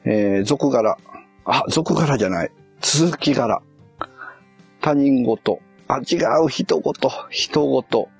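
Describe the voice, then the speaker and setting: A man's voice: medium pitch, takes it slowly, creaky, breathy edge, faint music behind. A man on a casual live stream, muttering and puzzling aloud as he reads a kanji quiz and corrects himself.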